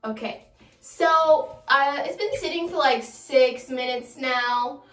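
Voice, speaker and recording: A young woman talks through a home vlog in a high, chatty voice, rambling and often restarting mid-thought. She sounds a little anxious as she goes. Soft background music sits faintly under her camera-mic audio. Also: slow. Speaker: beauty vlogger. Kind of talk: casual vlog chat.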